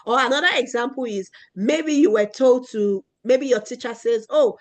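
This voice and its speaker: A woman with a fairly high voice is teaching a children's class about values. She repeats each key idea and keeps checking in with "right?" and "okay?". She also puts questions to the class and answers them herself. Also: moderate pace.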